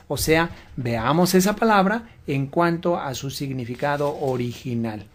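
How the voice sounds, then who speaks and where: A man giving a measured, lecturing talk as a guest on a religious radio program. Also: a little high, a little mellow.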